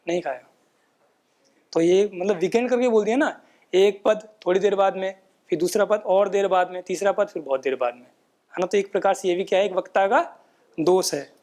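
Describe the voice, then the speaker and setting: A man giving a patient, explanatory lesson on pronunciation, often checking in with tag questions and chanting rules in a measured recitation. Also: high-pitched, darkish tone. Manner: patient, repeats points with frequent "है ना" tag questions. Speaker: Sanskrit pronunciation teacher. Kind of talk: explanatory lecture.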